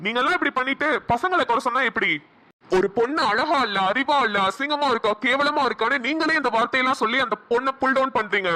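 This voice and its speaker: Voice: high voice, fast, pushed and bright. A voice actor playing an earnest, protective young man in a cartoon, speaking firmly and with passion. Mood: indignant. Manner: firm, passionate. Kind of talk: cartoon voice acting.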